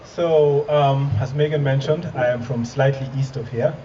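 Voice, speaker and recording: Brief: Kenyan-born man, thirties, earnest stage talk, mid-pitched, heard from a distance on a muffled hall recording with faint noise. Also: fairly even intonation, normal speed. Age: 30s. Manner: earnest storytelling with light humor and fillers. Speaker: presenter. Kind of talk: live stage presentation. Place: event hall with audience.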